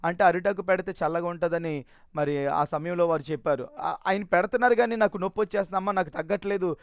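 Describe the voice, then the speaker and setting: A man's voice: high-pitched, no room sound, clean studio sound. A man giving a personal testimony in an earnest, emotional way, often restarting his sentences.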